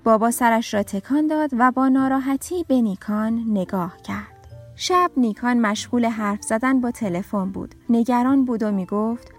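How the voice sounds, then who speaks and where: A woman narrating a children's storybook in a gentle, expressive read-aloud manner. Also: on the high side. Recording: faint background music.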